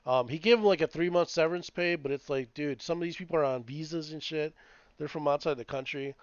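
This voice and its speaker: A man in his late thirties rants on a casual podcast, cursing freely and circling back over his points. His voice sits a little high. The recording sounds dull and lo-fi, with a dry, close sound. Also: a little fast, clear, resonant tone, dry recording. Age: 30s. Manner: profane, rambling, animated ranting. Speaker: podcast co-host. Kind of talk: casual chat.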